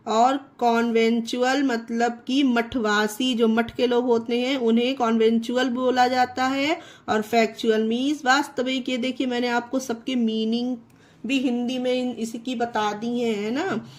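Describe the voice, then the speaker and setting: Slow, high-voiced woman teaching phonics. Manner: slow, repeats words and spells them out letter by letter; checks in with viewers often. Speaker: English teacher. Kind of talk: classroom-style English phonics lesson.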